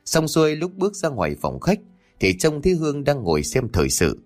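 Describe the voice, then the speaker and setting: A man narrating a dramatic audio story in a steady reading voice. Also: fairly high pitch, brisk, soft background music.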